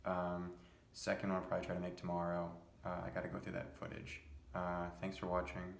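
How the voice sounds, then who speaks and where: Exasperated young man with a deep voice. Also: monotone, fairly quick, gravelly, a little hiss or hum. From United States. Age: young adult. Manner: exasperated, profane and rambling. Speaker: vlogger. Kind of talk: casual storytelling. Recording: echoey room.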